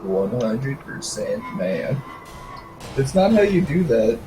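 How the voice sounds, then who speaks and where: A man's voice: medium pitch, sing-song, takes it slowly, music in the background, low-quality recording. A man casually chatting with a friend while playing a video game, goofy and teasing, repeating silly catchphrases. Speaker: gamer streaming with a friend. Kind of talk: casual gaming chat.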